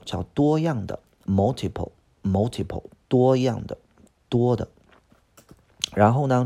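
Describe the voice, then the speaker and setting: Deep gravelly-voiced male vocabulary teacher. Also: dark tone. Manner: explains each word with quick example sentences, frequent "OK啊" and "啊" fillers. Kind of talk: recorded vocabulary lesson.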